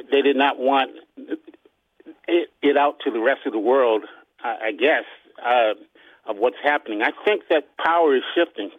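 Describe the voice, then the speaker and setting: A man calling in to a talk radio show over the phone, talking haltingly and repeating words as he restarts. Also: mid-range voice, no room sound. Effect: caller heard over a phone line. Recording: tinny dry phone line.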